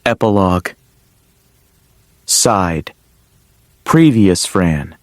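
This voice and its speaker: A man narrating an audiobook in a calm storytelling way. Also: deep voice, drawn-out words, no room sound, clean studio sound.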